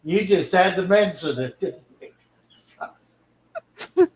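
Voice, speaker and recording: This older man runs a casual livestream about keeping fish, reading viewers' comments aloud in a folksy, relaxed style. His voice sits high, with lively intonation and a slow pace, and the audio sounds roomy against a noisy background.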